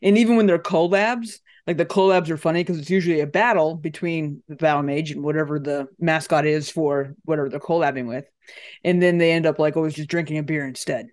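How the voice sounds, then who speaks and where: A man co-hosting a podcast, chatting casually about beer with lots of fillers. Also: on the high side. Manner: laid-back, rambling with fillers. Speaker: podcast co-host. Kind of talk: casual chat.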